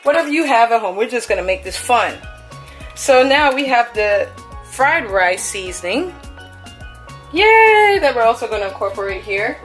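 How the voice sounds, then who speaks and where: A woman's voice: a little high, sing-song, moderate pace, a bit bright, soft background music. Chatty woman cooking in her kitchen. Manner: chatty, upbeat, talks through each step. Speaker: cooking vlogger. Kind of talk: casual cook-along demonstration. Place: home kitchen at the stove.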